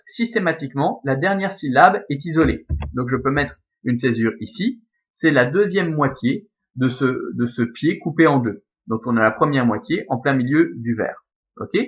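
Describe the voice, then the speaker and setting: A male teacher with a Belgian French accent walks through a lesson in a methodical, step-by-step way, repeating each rule patiently. His voice sits in a middle register. The recording is slightly dull and lo-fi. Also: mid-range voice. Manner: methodical, repetitive step-by-step explaining. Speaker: Latin teacher. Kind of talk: screen-recorded lesson explaining Latin scansion.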